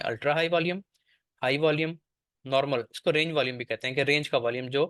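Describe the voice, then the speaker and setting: A man's voice: medium pitch, a bit bright, dry recording, clean studio sound. Man teaching trading in speech. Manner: explanatory, checks in with "ठीक है?" often. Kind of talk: screen-share lesson.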